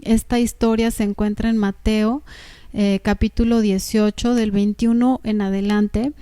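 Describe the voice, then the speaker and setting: A woman's voice: medium pitch, flat delivery, a little slow, mellow, smooth, dry recording. A woman pastor preaching a sermon, reading scripture and explaining it with rhetorical questions. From Mexico. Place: church service.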